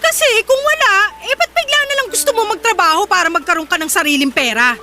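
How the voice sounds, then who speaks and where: An actress playing a tired working mother in a radio drama, scolding and sarcastic as she shouts at her partner. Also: very high-pitched, expressive, quick pace, background noise. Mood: angry scolding. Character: sharp-tongued working mother, exhausted and scolding. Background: music bed.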